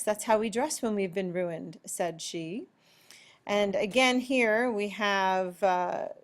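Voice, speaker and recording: A woman teaching a poetry lesson, explaining lines in a deliberate, explanatory way. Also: medium pitch.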